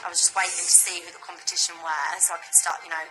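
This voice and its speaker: A woman's voice: fairly low pitch, flat delivery, very fast. A twenty-year-old woman, chatty and full of "like", talking as a contestant. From Essex, England. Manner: chatty, lots of "like". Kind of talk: casual chat and confessional. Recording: loud music and crowd behind.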